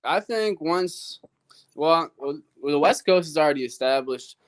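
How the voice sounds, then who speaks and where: A man's voice: a little high, lively intonation, a little slow. A man speaking as an amateur fighter, giving casual, plain-spoken interview answers.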